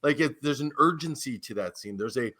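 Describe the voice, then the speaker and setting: A man on a podcast panel in casual chat, animated and acting out movie scenes as he talks. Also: mid-range voice, fairly quick.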